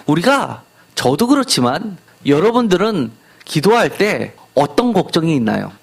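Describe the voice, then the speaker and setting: Middle-aged guy pastor giving a sermon, lively up and down voice, keeps asking the congregation stuff. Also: on the high side, normal speed, creaky, husky. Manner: asks the congregation rhetorical questions.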